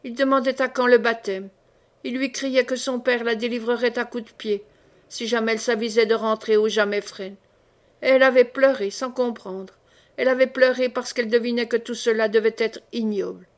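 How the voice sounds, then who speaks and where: A woman reading a classic novel aloud as audiobook narration, in a calm, measured and expressive way. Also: fairly high pitch. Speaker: audiobook reader.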